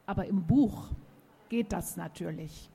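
A woman reading her children's book aloud at a book fair event, speaking gently and directly to the children. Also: lowish voice, measured pace, vocal fry, breathy edge.

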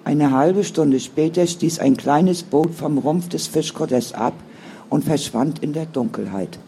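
Guy reading a novel out loud, slightly high voice, calm, faint hiss behind. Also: gravelly. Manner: calm, measured storytelling. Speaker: audiobook narrator. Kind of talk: scripted narration.

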